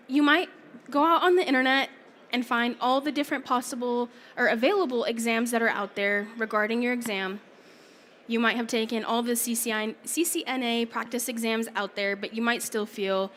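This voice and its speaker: A woman gives a live talk from a conference theater stage, her voice slightly high and starting to go. She keeps a chatty tone with frequent small apologies. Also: fairly even intonation, moderate pace, fairly bright tone, slight background noise. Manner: chatty, laughs often, apologetic asides. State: losing her voice. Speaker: presenter.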